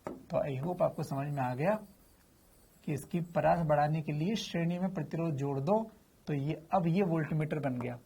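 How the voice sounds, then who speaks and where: A man's voice: fairly high pitch, moderate pace, mellow, slightly rough. A man teaching physics in a chatty, informal lecture, asking questions and answering them himself. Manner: addresses students familiarly, slips in slang.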